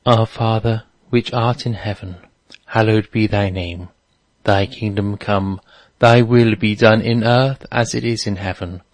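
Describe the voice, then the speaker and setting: A man slowly intoning church liturgy in a measured way, heard with a cathedral echo. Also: on the low side, fairly even intonation. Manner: slow, measured chanting of set prayers. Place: large church. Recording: long church reverb from far off.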